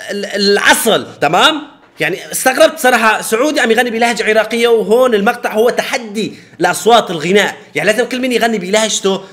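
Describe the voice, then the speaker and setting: A man's voice: sits high, pushed and bright. A man hosting a reaction video, chatty and eager, calling his viewers brothers. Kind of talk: casual reaction commentary.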